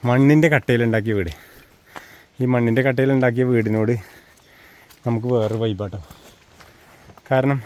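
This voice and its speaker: A man's voice: mid-range voice, a little mellow. A man with a Kerala Malayalam accent gives a casual, chatty walking tour outdoors, mixing English slang words into his Malayalam. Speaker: vlogger giving a walking tour. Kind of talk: casual chatty walk-and-talk narration. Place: outdoors in hilly countryside. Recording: outdoor rural recording with clear background noise.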